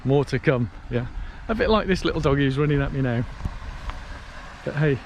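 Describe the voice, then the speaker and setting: A man's voice: medium pitch, fairly quick, highs cut off. A British man talking casually to his viewers as he walks outdoors, telling stories in a chatty vlog style. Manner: chatty storytelling while walking outdoors. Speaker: vlogger. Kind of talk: casual walk-and-talk vlog. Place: outdoors on a canal path. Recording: faint outdoor ambience and traffic noise.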